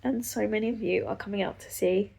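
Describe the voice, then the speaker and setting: Tearful, very husky woman. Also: medium pitch, steady tone. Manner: halting, soft, trailing off into whispers. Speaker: vlogger. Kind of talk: emotional video diary. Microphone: phone camera.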